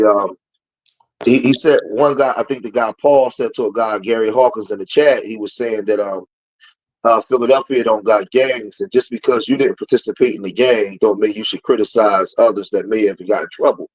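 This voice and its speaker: A man in his forties joins a livestream by phone as a guest, casually talking about street life and turning preachy, lecturing with growing heat and volume. His voice is mid-range, and the audio is poor.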